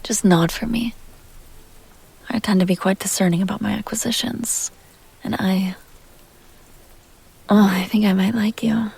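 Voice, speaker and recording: A woman gives a full character voice to a seductive, polished vampire heiress in an intimate audio roleplay, at medium pitch with fairly even intonation. Her soft, deliberate, genteel delivery feels tender and coaxing, and her breathy, teasing asides often fall into a whisper.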